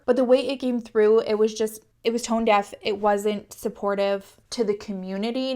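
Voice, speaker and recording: A young Canadian woman hosting a true crime channel, a little congested and sniffly, talking in an earnest, heartfelt, chatty way. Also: mid-range voice. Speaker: true crime YouTuber host. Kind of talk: casual chat to camera.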